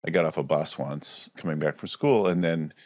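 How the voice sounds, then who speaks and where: A man in his forties, a business coach, telling his story in a relaxed conversational way on a video call and often tagging his points with "right?". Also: rumbling low, normal speed. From United States. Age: 40s. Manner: reflective, frequent tag "right?".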